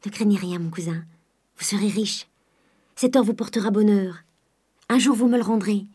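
A woman reading the part of a shy, devoted young provincial heiress, speaking softly and urgently. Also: mid-range voice, moderate pace, husky, natural voice. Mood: joyful.

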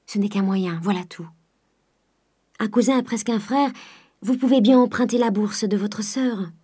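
A woman reading the part of a shy, devoted young provincial heiress, speaking softly and urgently. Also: medium pitch, moderate pace, husky, close to an everyday voice.

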